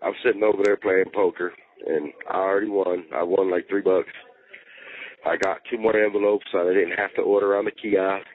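A man's voice: low voice, level tone, brisk. A man calling from jail, telling stories in casual, profane slang. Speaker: jail inmate on a phone call. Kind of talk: casual phone chat. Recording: tinny jail phone line.

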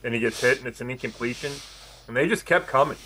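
A man's voice: medium pitch, fast, pushed and bright, a little hiss or hum, rough recording. A middle-aged man, a sports analyst, talking through a game conversationally over a video call. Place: small room indoors, on a video call.

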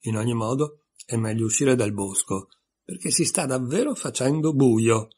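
A man's voice: medium pitch, normal speed, darkish tone, slightly rough, lightly acted. A man reading aloud and voicing a sensible, indignant young girl in a raised, earnest voice.

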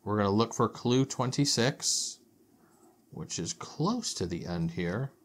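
A man's voice: fairly low pitch, animated, slow. Casual man explaining a board game. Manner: casual, methodical, with filler ums. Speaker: board game video host. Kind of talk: explaining rules and reading story aloud.

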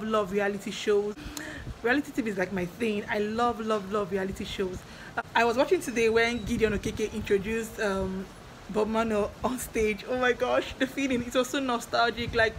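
Chatty, excitable Nigerian woman vlogger. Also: fairly high pitch, slight background noise. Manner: chatty, excitable, repeats herself. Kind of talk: casual chat. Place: home.

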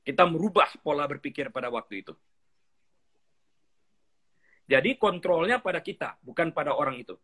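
A husky, slightly high-pitched man in middle age speaks as a pastor in a relaxed interview. He tells stories animatedly, acts out little dialogues and mixes English phrases into his talk. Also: normal speed, long pauses. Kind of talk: conversational teaching interview.

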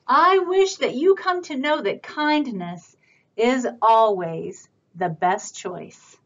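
A woman children's librarian reading picture books aloud for storytime, with a warm, expressive storytime delivery. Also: fairly high pitch, slow pace, highs cut off.

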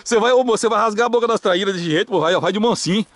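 A man with a Brazilian caipira country accent giving casual, excited, jokey fishing commentary outdoors from behind a handheld camera. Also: high-pitched, very fast. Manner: animated, jokey, exclamatory. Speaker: vlog host and cameraman. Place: open hillside pasture by ponds, outdoors.

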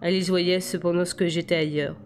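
A woman reading a novel aloud in steady first-person narration, stumbling over a word now and then. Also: lowish voice, fairly quick, slight background noise. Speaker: amateur audiobook reader.

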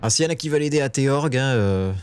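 A man's voice: mid-range voice, lively intonation, fast, a little hiss or hum. A man giving casual live commentary while playing a game, chatting with viewers and swearing when frustrated. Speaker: streamer. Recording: game music playing behind.

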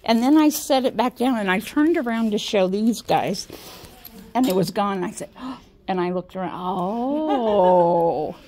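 In a casual shop-with-me video shot on a handheld phone, a woman with a Midwestern accent talks her way around a large indoor store, chatty and often lowering her voice to a whisper. Her medium-pitched voice is expressive and dark in tone, delivered at a measured pace.

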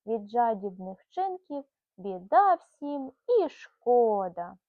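A woman's voice: a little high, big pitch swings, dry recording, exaggerated voice. Bold hungry squirrel girl, as a mom puts her on. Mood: emphatic. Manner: slow emphatic storybook lines. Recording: tinny phone-like sound.

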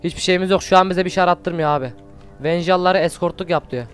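A man hosting a let's play, commenting excitedly as he plays, swearing at enemies and coaxing his pet wolf along. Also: high-pitched, fast talker, clear, resonant tone, soft background music. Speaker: gaming channel host.

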